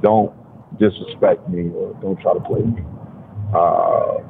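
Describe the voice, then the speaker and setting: Deep-voiced New man over the phone. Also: steady tone, slow pace, creaky. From Brooklyn, New York. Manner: laid-back, confident, many fillers. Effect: heard over the phone. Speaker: rapper, guest calling in. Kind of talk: casual radio interview over the phone. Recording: tinny phone line, faint noise.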